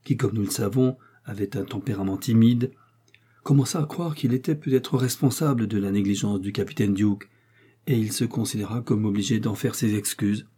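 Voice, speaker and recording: A man narrating a classic novel as an audiobook in a measured, even storytelling manner. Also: fairly low pitch, slightly rough. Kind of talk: scripted narration.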